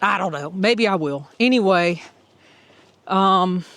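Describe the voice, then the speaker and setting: Slow-talking woman on a hiking trail. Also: mid-range voice, expressive, a bit bright, no echo. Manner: heartfelt, emotional, thinking aloud. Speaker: hiker vlogging as she walks. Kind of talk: casual audio vlog.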